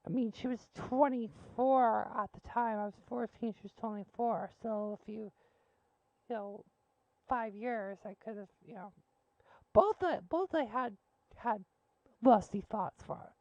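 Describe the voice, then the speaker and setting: A woman's voice: on the high side, measured pace, darkish tone, no room sound, muffled recording. A woman hosting a call-in show, blunt and joking, rambling between callers. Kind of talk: casual call-in radio chat.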